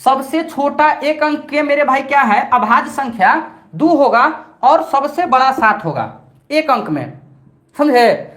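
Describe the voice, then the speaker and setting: A man's voice: very high-pitched, expressive, a little slow, a bit bright. A middle-aged man with a Bhojpuri-tinged Hindi accent, teaching a live online maths exam-prep class in a chatty way, repeating each point and scolding his students by turns.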